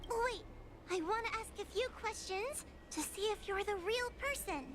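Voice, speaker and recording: A very high, timid little girl. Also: normal speed, background noise. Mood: hesitant. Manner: hesitant, childlike. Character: timid, anxious, sweet young girl. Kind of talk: video game voice acting.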